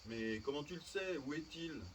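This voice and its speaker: A man's voice: a little high, lively intonation, moderate pace, distant mic, a little hiss or hum, voice pushed up, natural voice, poor audio. A man reading the lines of an elderly mother who is bewildered and suspicious, questioning with indignation.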